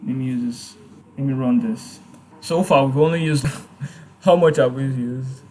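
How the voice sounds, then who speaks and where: A man hosting a casual software tutorial, hesitant, with many fillers and restarts. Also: mid-range voice, unhurried. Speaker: tutorial host. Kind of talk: casual screen-recorded tutorial.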